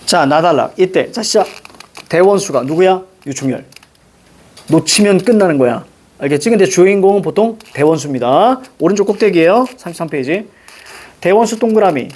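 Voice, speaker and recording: Male teacher, classroom lecture, brisk and directive, husky, animated pitch. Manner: brisk, directive, asks students frequent questions. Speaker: literature teacher.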